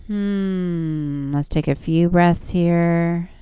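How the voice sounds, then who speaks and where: A woman's voice: on the low side, steady tone, a little slow, darkish tone, clean tone, no echo. A woman yoga instructor leading guided stretching and relaxation in a soothing, encouraging manner. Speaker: yoga instructor and show host.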